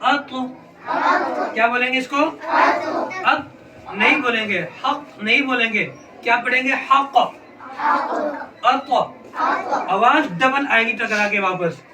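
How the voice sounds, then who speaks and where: A man's voice: very high-pitched, normal speed, over a noisy crowd. A man teaching children to read the Quran, asking questions over and over and drilling letter sounds. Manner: patient, repetitive questioning of pupils. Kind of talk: classroom lesson with call-and-response. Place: classroom with children. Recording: echoey room, distant mic, noisy. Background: children's voices and room noise.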